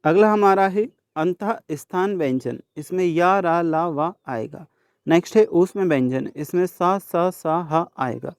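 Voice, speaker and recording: A male teacher solving a worksheet for students, sounding out each letter slowly and speaking to the class directly. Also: on the high side, smooth, no echo. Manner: slow, deliberate sounding out of letters. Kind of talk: worksheet solution lesson.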